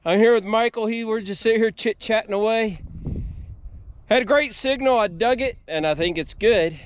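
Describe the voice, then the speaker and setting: A man's voice: sits high, normal speed, clean tone, no echo. An American man hosting a metal detecting video outdoors, talking viewers through each step in a casual, folksy way. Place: outdoors at an old homesite.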